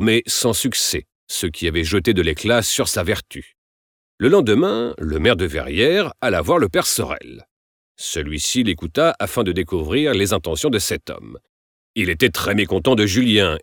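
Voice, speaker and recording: A man reading a classic novel aloud, narrating with expressive, lively storytelling. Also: deep voice, no room sound, clean studio sound.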